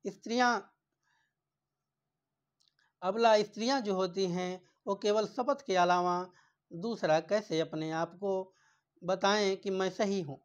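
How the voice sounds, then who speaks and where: A male teacher explaining a poem line by line. He reads each verse slowly, then paraphrases it with emphasis. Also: high-pitched, lo-fi sound.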